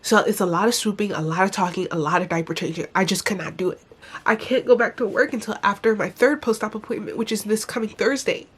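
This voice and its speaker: A young adult woman vlogger sounds congested and blocked-nosed as she complains candidly in a casual personal vlog, with some mild swearing. Her medium-pitched voice moves quickly and carries a breathy edge.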